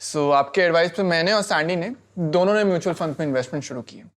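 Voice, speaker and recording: A woman voicing a sensible young man who has just started his job, speaking politely and earnestly in an animated ad. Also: on the low side, quick pace, pitched below the performer's own voice, close to an everyday voice. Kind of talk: animated ad dialogue.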